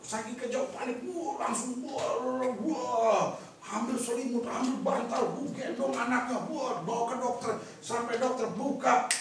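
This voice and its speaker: Animated pastor preaching in an echoey hall. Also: male voice, very high-pitched, a little slow, recorded from a distance, noisy background. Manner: animated, humorous, mixes English. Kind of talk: sermon.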